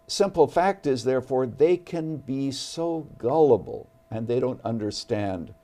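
A man appearing as a studio guest, speaking earnestly and deliberately about faith. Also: mid-range voice, lively intonation, warm tone. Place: television studio.

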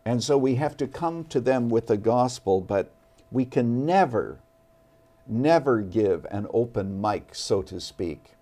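A man appearing as a studio guest, speaking earnestly and deliberately about faith. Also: medium pitch, expressive, mellow. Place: television studio.

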